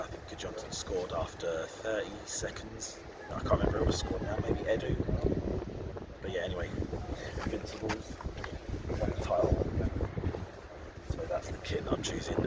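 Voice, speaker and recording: A young man talks fast and chatty to his phone camera outdoors. He keeps it quick and casual, sometimes dropping to a half-whisper. Loud street and traffic noise runs under everything. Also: deep voice. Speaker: vlogger. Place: outdoors by busy city streets.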